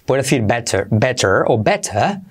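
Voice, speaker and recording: A man teaching English phrases in a casual video lesson, playfully repeating words slowly to model how they sound. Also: mid-range voice, very animated, slightly rough.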